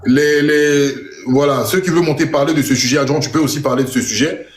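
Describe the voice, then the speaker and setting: A man from Côte d'Ivoire with an Ivorian accent, hosting a live audio panel in a relaxed, chatty way. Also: a little high, fairly quick, roomy sound. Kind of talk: casual live chat.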